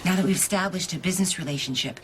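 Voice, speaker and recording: Actress doing a cool scheming woman, low voice, dry delivery, noisy tv audio. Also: racing, natural voice. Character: cool, manipulative woman plotting in secret.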